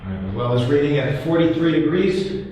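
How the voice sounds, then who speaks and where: A man's voice: on the high side, big pitch swings, brisk, mellow, a little hiss or hum. A man playing a businesslike paranormal investigator who reads meters, in found-footage horror film style. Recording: very echoey hall, music behind.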